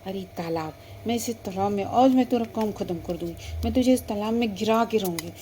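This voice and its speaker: A woman's voice: medium pitch, a little fast, dark tone, a little hiss or hum, lightly acted. Woman doing a bossy mean girl. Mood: menacing. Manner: menacing, scolding.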